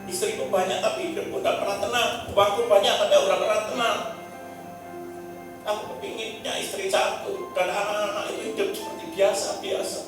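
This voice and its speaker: A man gives an emotional personal testimony in a fervent voice that swings between loud and hushed. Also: high voice, level tone, brisk. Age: 40s. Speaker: church testimony speaker. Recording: echoey hall, distant mic, music behind.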